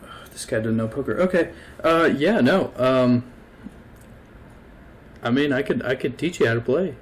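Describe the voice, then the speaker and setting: A man voicing a gruff male sheriff at a poker table, speaking laconically in a tabletop game. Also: mid-range voice, normal speed, lightly acted. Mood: surprised.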